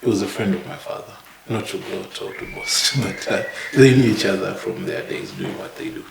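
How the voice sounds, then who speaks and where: Gravelly low-voiced man, laid-back storyteller. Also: wildly swooping pitch, echoey room, background noise. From Uganda. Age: 30s. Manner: halting, many fillers, chuckles between points. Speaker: podcast guest. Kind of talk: casual interview, life story.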